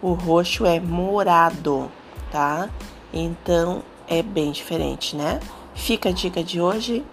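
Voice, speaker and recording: A woman's voice: fairly low pitch, takes it slowly, soft background music. A Brazilian woman with a Brazilian Portuguese accent, patiently teaching a Spanish lesson and often checking in with "tá?" and "né?". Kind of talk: explanatory language lesson.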